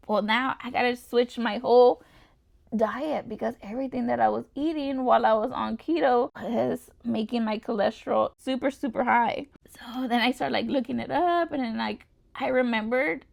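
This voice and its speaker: A young woman vlogging at home, talking in a rambling, animated way and filling her talk with "like" and "you know.". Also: fairly high pitch, gravelly. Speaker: beauty vlogger. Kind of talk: chatty get-ready-with-me vlog.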